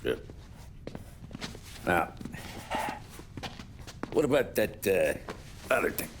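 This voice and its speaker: An actor playing a smug, menacing rival mob boss who talks in a low-key, intimidating way. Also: male voice, big pitch swings, extremely slow, background noise, full character voice.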